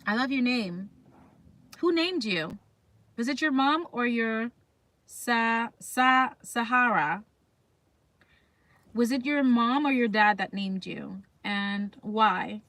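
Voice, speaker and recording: Speaking slowly with long pauses, a woman with a higher, fairly bright voice hosts a relaxed live chat. She addresses viewers directly, reads their comments out loud, and keeps asking them questions. No room sound is audible.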